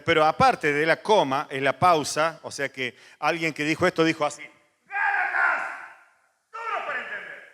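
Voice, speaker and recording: A man, a pastor preaching a sermon, animated and moving between loud emphasis and soft asides. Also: on the high side. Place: church hall. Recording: long church reverb.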